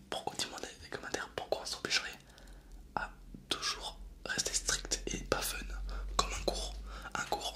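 Speaking to viewers in a soft, unvoiced library-style whisper, a young man runs a chatty, informal ASMR video. He sits in a small indoor space, close to a binaural microphone shaped like ears.

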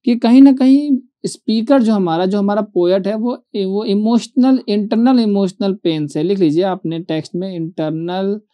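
A male teacher giving an online poetry lecture, reading verse lines out slowly and often checking whether students have followed. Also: high voice, warm tone.

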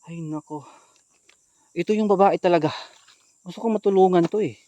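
A man's voice: high voice, brisk, dry recording, dull audio. Breathless man vlogging outdoors. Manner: excitable, swings between hushed talk and alarmed shouts. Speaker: ghost-hunting vlogger. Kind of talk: casual vlog narration. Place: outdoors on a mountain at night.

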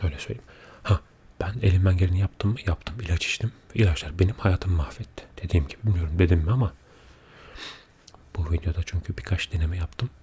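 A man speaking quietly at night in a soft-spoken, confiding ASMR chat, unhurried and often dropping close to a whisper. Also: low voice. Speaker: ASMR video creator. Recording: audible background noise.

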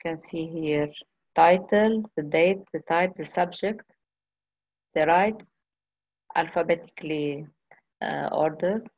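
A woman giving a conference presentation on a video call, speaking haltingly with frequent restarts and pauses. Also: low-pitched, muffled recording.

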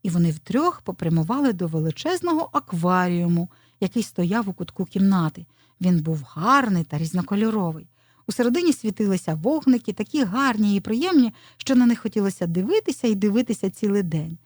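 A woman narrating a children's audio story in an expressive storytelling voice. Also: mid-range voice, a little fast, dry recording, clean studio sound.

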